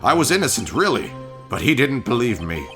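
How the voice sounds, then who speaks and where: A grumpy old man from a courtroom video game, voiced by a man, bitter and unrepentant. The voice has a bright, forceful edge and moves around in pitch over background music. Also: big pitch swings, a little fast. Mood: bitter, confessional. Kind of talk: amateur voice acting of video game dialogue.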